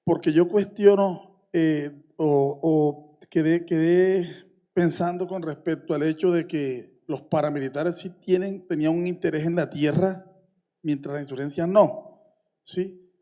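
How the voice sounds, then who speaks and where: A man from the Colombian Caribbean coast asks a question from the audience at a conference. He talks in a fairly high, mellow voice. He halts and restarts as he goes. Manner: halting, with many restarts and fillers. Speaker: audience member asking a question.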